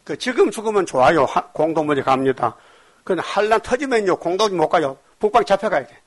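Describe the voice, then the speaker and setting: A male pastor preaching a sermon, emphatic, firing rhetorical questions at the congregation and swinging between loud exhortation and quiet asides. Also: sits high, expressive, quick pace.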